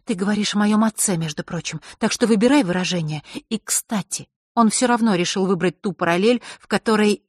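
A man voicing a stubborn, quick-tempered teenage girl in an audiobook, talking in a raised, indignant voice. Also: high voice, no echo, clean studio sound, close to an everyday voice. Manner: indignant, defensive.

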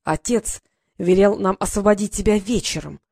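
Storybook bully brother, sing-song taunts, loud and drawn out, read by a woman. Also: mid-range voice, animated, moderate pace, no room sound, clean studio sound. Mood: menacing. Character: teasing older brother, a mocking boy.

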